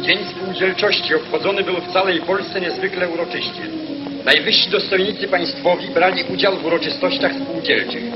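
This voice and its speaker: A man reads an old newsreel in a formal, solemn official manner. His voice sits a little high. The sound is a dull, lo-fi 1940s newsreel track with clear music underneath. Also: fairly even intonation, moderate pace. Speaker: newsreel narrator. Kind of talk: formal scripted newsreel narration.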